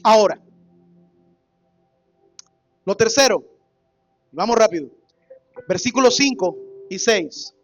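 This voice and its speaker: A man's voice: high-pitched, expressive, slow, long pauses. A man, a pastor preaching an expository sermon, emphatic and full of rhetorical questions to his congregation. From Colombia. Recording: dull lo-fi recording with faint music.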